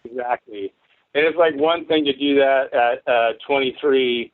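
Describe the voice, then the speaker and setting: In a casual interview, a guest musician in his forties from Tacoma, Washington, tells meandering, laid-back stories and swears a lot. He has a rough, worn, mid-range voice with a steady tone and a measured pace. The recording is dry and tinny, like a phone line.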